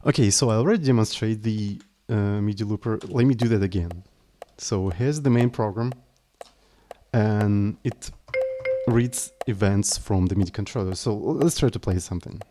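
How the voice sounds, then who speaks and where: Slight background noise accompanies this man's lowish, dark voice at a normal speed. Live-streaming his coding, he explains it in casual chat using English as a second language, hesitantly and apologetically, often restarting.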